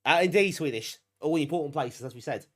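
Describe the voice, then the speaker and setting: A British streamer with a blocked nose from a recovering cold hosts retro games, speaking fast in a slightly high, somewhat bright voice. He chats with viewers casually and self-deprecatingly, grateful for them.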